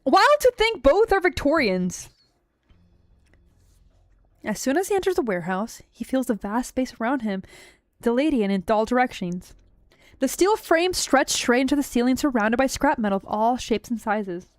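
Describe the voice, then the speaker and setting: A woman streamer chatting casually and reading a game story aloud, excitable and jokey. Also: fairly high pitch, moderate pace, dry recording, clean studio sound.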